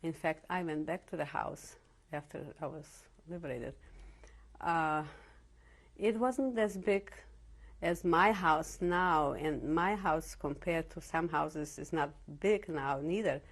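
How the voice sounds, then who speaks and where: A low-voiced woman in her seventies speaks slowly, remembering her early life as a Holocaust survivor from Czechoslovakia. Her first language is Yiddish or Slovak rather than English, and in this home interview in Cleveland she is reflective, with frequent hesitations and restarts.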